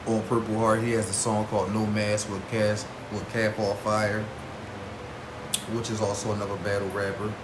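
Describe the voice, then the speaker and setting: Speaking at a moderate pace in a lowish voice with little pitch movement, this host comments casually on battle rap artists in his vlog, slangy and repeating himself for emphasis. The room is echoey, and background noise comes through clearly.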